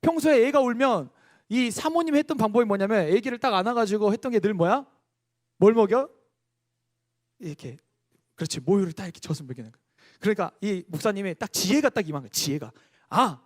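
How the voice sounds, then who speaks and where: Animated young male youth pastor. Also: high voice, fast. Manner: lively storytelling, quizzing the congregation. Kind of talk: youth sermon.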